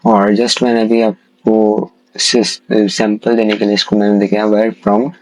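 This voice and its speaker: A man's voice: on the low side, little pitch movement, takes it slowly, poor audio. A man hosting a casual screen-recorded tutorial, talking viewers through each step and often checking in with them. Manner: conversational, repeats "sahi hai" as a filler, addresses viewers as "bhai". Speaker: tutorial host.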